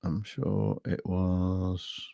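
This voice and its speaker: A man's voice: deep voice, monotone, very slow, creaky, dark tone, no echo. A man hosting a crypto live stream, chatting casually and rambling with lots of fillers and restarts. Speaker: crypto livestream host.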